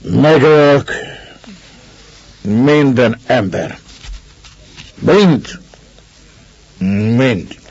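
Brief: male narrator playing a hoarse drunken brute, slurred broken words, swinging wildly in pitch. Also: expressive, long pauses, a little mellow, muffled recording. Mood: drunken raving. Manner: slurred broken speech, croaking. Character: drunken ragged man, brutish then meek.

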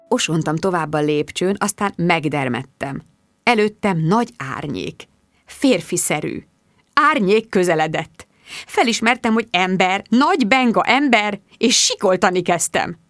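A woman narrates a first-person audiobook in a confiding, wry storytelling voice. Her pitch moves expressively through the lines. The sound is dry and close, with no room around it. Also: a bit bright, no room sound.

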